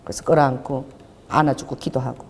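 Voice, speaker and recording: A woman's voice: a bass voice, fairly quick. An older woman pastor preaching a sermon, calling for responses from the congregation. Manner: call-and-response preaching, animated. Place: church sanctuary. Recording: church hall reverb.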